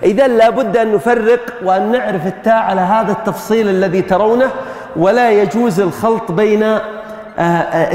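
High-voiced man lecturing in an echoey hall. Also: darkish tone. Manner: questions the class as he explains. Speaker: grammar lecturer. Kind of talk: classroom lecture.

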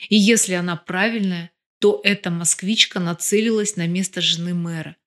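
A woman reading an audiobook, voicing a sharp-tongued wife with a blunt, ironic manner. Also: lowish voice, fairly even intonation, moderate pace, close to an everyday voice. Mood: serious.

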